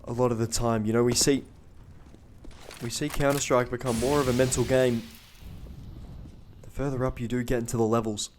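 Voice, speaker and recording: A man calls an esports shooter match play by play, his voice sitting in an ordinary middle register. He mixes quick jokes and banter into the calls. Faint gunshots and clicks from the game run under his voice. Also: medium pitch, little pitch movement, darkish tone, a little hiss or hum. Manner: jokey, banters with a co-caster off mic. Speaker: esports caster.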